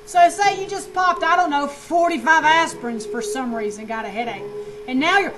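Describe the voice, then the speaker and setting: A woman with a high, bright-sounding voice lectures a nursing class in a lively, slangy way. She fires questions at the students and answers them herself. The recording carries clear background noise. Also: normal speed. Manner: animated, slangy, asks and answers own questions.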